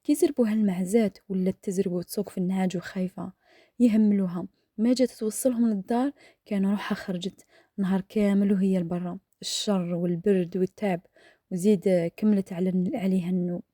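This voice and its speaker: A woman with an Algerian accent telling a dramatic story in a hushed, half-whispered voice while cooking, close to the mic. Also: mid-range voice, steady tone, fast talker, no room sound. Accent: Algerian Arabic.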